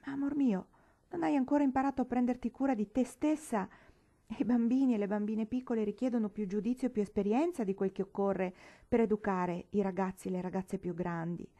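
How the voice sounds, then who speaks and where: A gentle, practical mother, as a woman reading a novel puts her on. She reasons calmly in a mellow, warm voice. A storybook parent, steady and sensible. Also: mid-range voice, a little fast, voice pushed up, lightly acted. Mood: calm reasoning. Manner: calm, reasoning.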